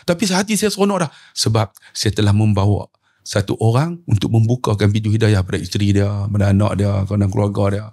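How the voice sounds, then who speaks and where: This fast-talking middle-aged man, a preacher and umrah tour guide with a Malaysian Malay accent, tells a story on a talk show. His pitch swings lively and he acts out the dialogue as he goes.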